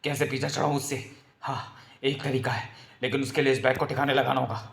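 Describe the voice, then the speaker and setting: A man's voice: medium pitch, fairly even intonation, a little fast, vocal fry, fairly bright tone. A man voicing a cowardly bank robber who stammers with fear. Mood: worried. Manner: stammering, fearful. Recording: roomy echo.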